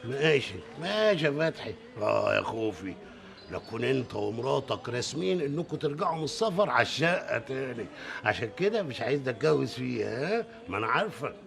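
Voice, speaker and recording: In a TV drama, an older actor plays a stubborn, quick-tempered Egyptian father of a grown son who is determined to remarry. His gravelly, bossy voice sits at medium pitch with a sing-song, slightly bright quality and a sly mood, while a background score plays.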